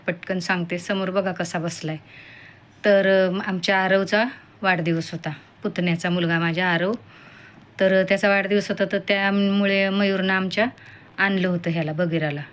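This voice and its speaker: A middle-aged woman chatting at home on her vlog, telling viewers a family story in a homely, direct way. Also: fairly low pitch. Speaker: pet vlogger.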